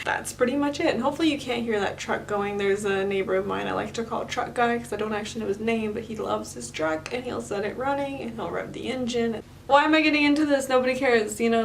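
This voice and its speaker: A woman's voice: a little high, gravelly, a little hiss or hum. A woman giving a casual makeup tutorial voice-over, rambling along with self-deprecating asides. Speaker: makeup and body paint artist, channel host. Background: music.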